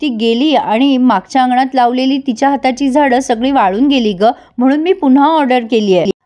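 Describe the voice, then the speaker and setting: A woman voicing a soft-spoken older father who sounds wistful and gentle. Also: high voice, a little fast, lightly acted.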